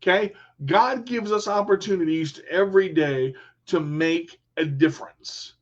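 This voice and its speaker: A man with a high, bright voice hosts a radio talk show, delivering an emphatic motivational monologue at a measured pace. He repeats key lines and addresses listeners directly, often checking in with them. He's an adult with a son, and the recording sounds dull and lo-fi.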